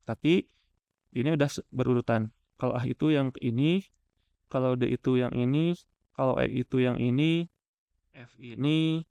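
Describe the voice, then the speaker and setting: A man's voice: medium pitch, a little mellow, clean tone, dry recording. A man teaching step by step as an instructor, in an informal, explanatory screen-tutorial style. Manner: informal, explanatory, checks in with listeners. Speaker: animation software instructor.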